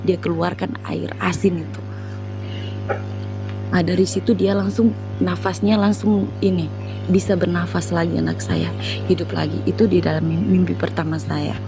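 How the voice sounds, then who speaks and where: A woman's voice: fairly low pitch, fairly even intonation, normal speed, vocal fry, music in the background, rough recording. A woman telling an earnest, emotional personal testimony as an interview guest.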